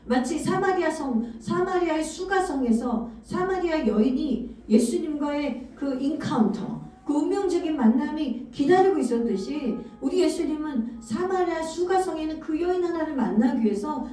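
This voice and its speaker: A woman's voice: sits high, mellow. A middle-aged woman pastor preaching a fervent sermon, firing rhetorical questions at her congregation. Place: church sanctuary. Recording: echoey hall, voice from a distance.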